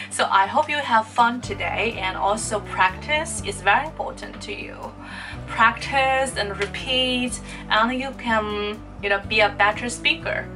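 A woman teaching spoken English, explaining words and repeating them slowly for practice. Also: mid-range voice, pushed and bright, distant mic.

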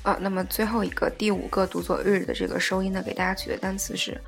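A woman teaching a language lesson, explaining word by word and repeating each example slowly and patiently. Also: mid-range voice, level tone, vocal fry, soft background music.

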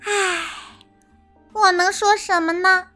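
A woman telling a children's story as a small timid mouse, in a sweet, expressive, sing-song manner. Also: very high voice, slow pace, soft background music.

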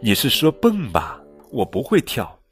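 Guy doing a sad sniffly kangaroo for a storybook, squeaky and way higher than his own voice, soft music behind. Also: huge pitch swings, measured pace. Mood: fretful. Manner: whiny, tearful sighing. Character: glum young kangaroo, sniffly and self-doubting.

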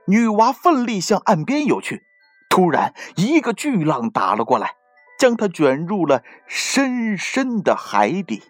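A woman narrating a myth in scripted storybook style, expressive and swooping in her delivery. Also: mid-range voice, unhurried, no room sound. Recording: dry close studio voice with soft music.

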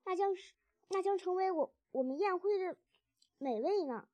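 A woman reading a sly, smooth father fox. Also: very high voice, animated, normal speed, warm tone, voice pushed up. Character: sly, confident father fox, grown male. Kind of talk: storybook reading.

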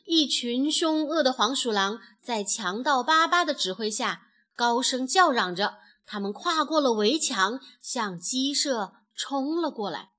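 Bright, animated mom telling a kids' story. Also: female voice, high voice, measured pace. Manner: animated, expressive. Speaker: storyteller mother. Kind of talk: children's bedtime story narration.

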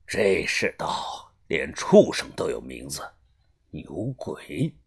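A sinister man with a deep, unhurried voice and soft laughs, performed by a storyteller. He stays calm and mocking, like an audiobook villain. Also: creaky, husky, heavily acted. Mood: menacing calm. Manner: slow, low, with soft laughs.

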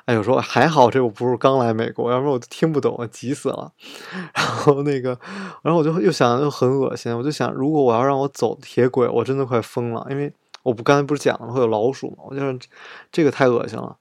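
A man's voice: mid-range voice, steady tone, fast, no echo, studio quality. A man telling a chatty travel story, acting out what he and others said along the way. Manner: chatty, retells scenes with quoted dialogue. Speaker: travel vlogger. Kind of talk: casual storytelling monologue.

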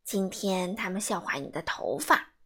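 A woman voicing a kind, wise old grandmother in a storybook reading, with a lower, gentle and patient voice. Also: lively intonation, normal speed, slightly rough. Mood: playful.

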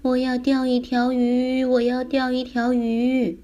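A woman voicing an excitable little boy who chants eagerly while he fishes, in a children's story reading. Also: sits high, normal speed, voice pushed up.

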